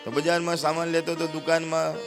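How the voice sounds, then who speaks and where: Gujarati male preacher, gravelly voice, dramatic story sermon in a big echoing hall. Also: on the high side, level tone, quick pace. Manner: acts out characters' cries and pleas with rising intensity. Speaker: spiritual storyteller. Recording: long hall reverb with faint sitar music.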